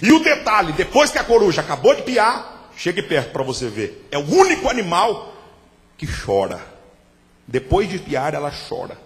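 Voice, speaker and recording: A man with a Brazilian Portuguese accent preaching a sermon in church, swinging from hushed passages to loud shouts. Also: high-pitched, huge pitch swings, moderate pace, long reverb tail. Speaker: pastor. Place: large church hall.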